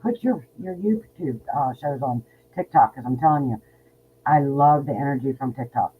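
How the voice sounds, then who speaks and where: This psychic medium, a woman in her fifties, has a rumbling low voice and speaks at a moderate pace. As a guest in a casual interview she's blunt and forthright, repeating words often, all over a tinny, faintly noisy phone line.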